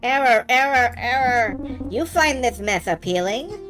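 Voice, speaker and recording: A woman's voice: a little high, animated, a little slow, music in the background, pitched above the performer's own voice. A woman voicing a fussy male janitor robot that glitches into repeated error alarms, speaking stiffly about itself. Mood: glitching alarm. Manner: stiff, refers to itself by name. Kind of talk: reading game dialogue aloud.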